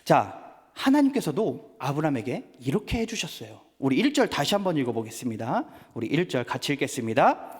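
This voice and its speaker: Male pastor, animated sermon delivery in a reverberant church hall. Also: on the high side, a little fast, slightly rough. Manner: animated, acts out family dialogues. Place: church sanctuary.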